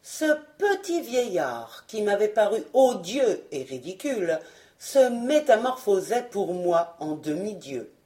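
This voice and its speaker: Give me a woman narrating an audiobook with an animated, dramatic voice. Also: mid-range voice, slow pace. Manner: expressive dramatic reading. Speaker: audiobook reader. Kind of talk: scripted narration.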